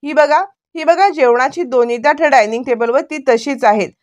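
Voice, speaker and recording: A woman's voice: sits high, normal speed, lightly acted. A woman voicing a sister-in-law who blames and needles, stirring up trouble. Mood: accusing. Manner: blaming, needling.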